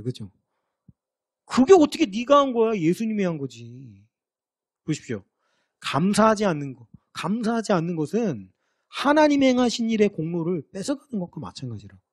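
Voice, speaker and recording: A man's voice: high voice, no echo, clean studio sound. A man preaching a sermon as pastor, talking to the congregation in a conversational, storytelling way and acting out the people in the story. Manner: conversational, lively storytelling with acted quotes.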